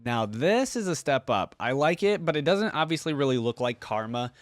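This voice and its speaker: A man hosts a fan reaction video, offering casual commentary and thinking aloud as he shares his opinions. His medium-pitched voice swings widely in pitch at a moderate pace, with no echo and music playing in the background.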